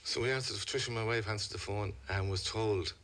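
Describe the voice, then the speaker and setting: A middle-aged man with a west of Ireland accent, giving a personal account in a radio interview in measured, halting phrases. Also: lowish voice, fairly even intonation, fairly bright tone. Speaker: interview guest, a father telling a family story.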